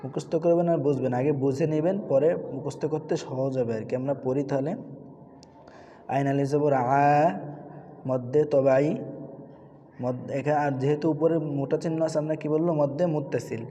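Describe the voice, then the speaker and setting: A man teaching Quran reading, patiently spelling out letters and chanting the words in a raised, drawn-out voice. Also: mid-range voice, steady tone, mellow, muffled recording. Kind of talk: spelling out and drilling Quran recitation. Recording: reverberant room with faint background noise.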